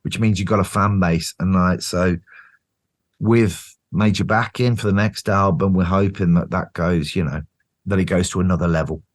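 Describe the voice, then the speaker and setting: Here a middle-aged British man, guest and band singer, relates road stories during a casual interview in a low-pitched voice at normal speed. He has a British English accent, tells stories animatedly, swears freely, and mimics what people said.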